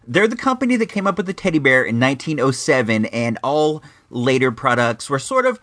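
A man's voice: mid-range voice, big pitch swings, a little fast, a bit bright. A middle-aged man hosting a vintage toy show in a rambling, slangy, casual way with wry asides. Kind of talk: casual chatty retro toy review.

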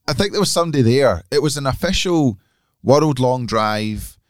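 A man's voice: medium pitch, animated, moderate pace, dry recording, studio quality. A man co-hosting a podcast in casual, conversational chat. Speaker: podcast co-host.

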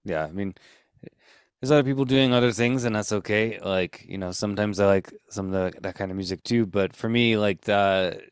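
Male podcast host, low voice, smooth and clear, dry close sound, rambling casual chat. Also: a little fast, no room sound. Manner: rambling, full of "like" and "you know".

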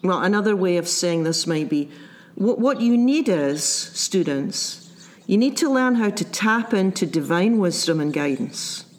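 A man preaching a sermon, reflective and unhurried, often repeating his key phrases for emphasis. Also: sits high, expressive. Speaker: pastor.

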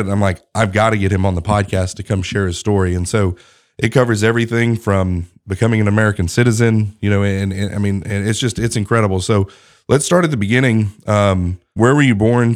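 A man with a low voice hosting a podcast interview. He talks in a chatty, affirming way and drops emphatic asides between questions. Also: fairly even intonation, brisk. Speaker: podcast host. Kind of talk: conversational interview.

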